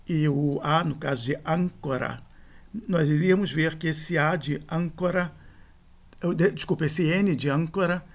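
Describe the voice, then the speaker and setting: A man's voice: a little high, vocal fry. A middle-aged man gives a recorded grammar lesson. He explains patiently, often corrects himself and adds little tag questions. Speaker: teacher. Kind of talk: recorded grammar lecture over slides.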